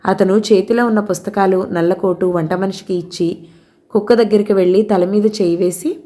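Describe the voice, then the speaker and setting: A woman narrating a novel aloud in a steady, measured storytelling voice. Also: medium pitch.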